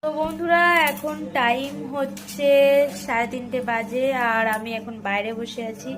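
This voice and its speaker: A woman's voice: a little high, normal speed, music in the background. Chatty woman vlogging at home. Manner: chatty, addresses viewers as friends; speaking softly so a sleeping child stays asleep. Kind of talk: casual family vlog chat. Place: family home in the evening, kitchen then bedroom.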